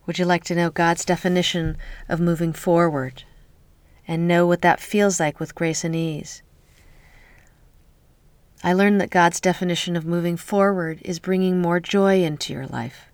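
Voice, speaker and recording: Soft whispery woman guiding a meditation. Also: on the low side, fairly even intonation, dry recording. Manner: soft, slow, repeats a soothing refrain, often drops to a whisper. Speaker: spiritual healing guide. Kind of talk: guided healing meditation.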